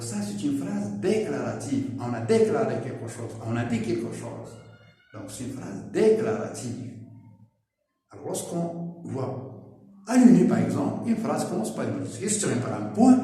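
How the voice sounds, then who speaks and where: Slow, lively-voiced man teaching in an echoey room. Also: on the high side. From Morocco. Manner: explains slowly, often checking with "d'accord?" and "hein?". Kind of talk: classroom grammar lesson. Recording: echoey room, voice heard from far off.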